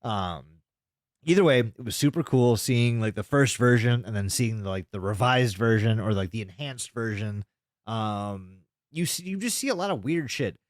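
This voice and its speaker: This podcast co-host has a fairly low, expressive voice and talks at normal speed. Recapping a web horror series in casual chat, he is informal and emphatic and swears a lot. The studio-quality recording has no room sound.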